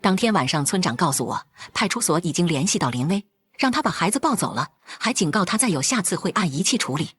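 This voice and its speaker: A woman's voice: fairly low pitch, sing-song, fast, slightly rough, no room sound. A woman narrating a first-person drama in a cold, blunt and firm way.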